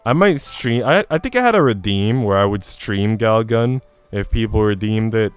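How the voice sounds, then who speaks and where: Over background music, a game streamer chats casually in a slangy, rambling way. His lowish voice is animated, clear and resonant, at a moderate pace.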